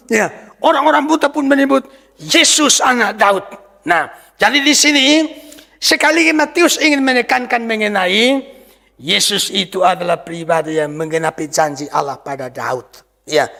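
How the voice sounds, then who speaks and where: A man's voice: high-pitched, vocal fry, a bit bright. A man preaching a sermon as pastor, often asking the congregation questions and pressing his points with emphasis. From Indonesia. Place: church hall. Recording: church hall reverb.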